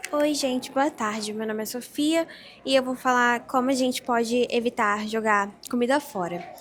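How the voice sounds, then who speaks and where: High-pitched teen girl presenting, chatty and informal, faint room noise. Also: measured pace, fairly bright tone. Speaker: student presenter. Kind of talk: classroom presentation.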